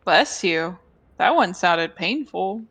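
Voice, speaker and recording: A woman's voice: fairly low pitch, expressive, fairly bright tone, breathy edge, dry recording. A woman chatting casually on a stream, telling playful stories and joking along. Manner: playful storyteller, quick to joke. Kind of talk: casual chat.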